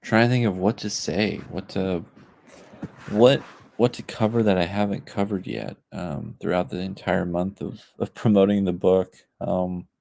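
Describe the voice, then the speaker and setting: Guy on a crappy quality livestream, deep gravelly voice, rambles with tons of ums, dry sound. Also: steady tone, a little mellow, no echo. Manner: rambling, halting, full of ums and restarts. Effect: poor-quality livestream audio. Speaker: livestreamer promoting his crowdfunding campaign. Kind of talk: casual livestream chat. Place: a makeshift spot away from his usual setup.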